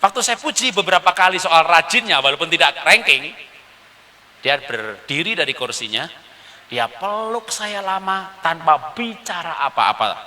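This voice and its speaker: A middle-aged man with a high, piercing, tense voice gives a public parenting talk. He tells stories and acts out quotes with lively shifts. The sound rings with a long hall reverb. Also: moderate pace, slight background noise. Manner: animated storytelling, acting out quotes. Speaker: parenting seminar speaker. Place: event hall.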